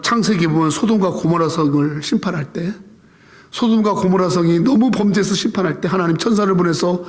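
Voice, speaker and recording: A man in his fifties with a Korean accent, a pastor giving a Sunday sermon, animated and dramatic, at times dropping to a hushed plea. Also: sits high. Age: 50s. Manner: animated preaching, acting out quoted prayers, dropping to soft hushed pleas. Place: church sanctuary.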